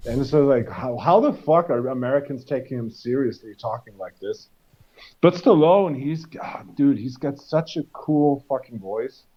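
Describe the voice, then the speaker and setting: A man co-hosting a podcast, talking loosely with constant restarts and fillers. His voice sits at an ordinary middle pitch, and the recording sounds dull and lo-fi. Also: animated, moderate pace. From Germany. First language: German. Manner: rambling, many restarts and fillers. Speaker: podcast co-host. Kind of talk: casual chat.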